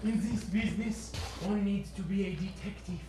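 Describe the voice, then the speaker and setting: A woman's voice: medium pitch, moderate pace, mellow, close to an everyday voice. A woman doing a smug giggly hotel waiter. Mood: sly. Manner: oily, giggly, ingratiating. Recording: echoey room with music.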